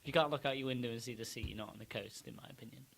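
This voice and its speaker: A man's voice: medium pitch, vocal fry, a bit bright, slight background noise. A Welsh man around twenty, co-hosting a casual podcast, chatty and teasing. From Wales. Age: 20s. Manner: chatty, quick to laugh and tease. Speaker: podcast co-host. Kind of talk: casual chat.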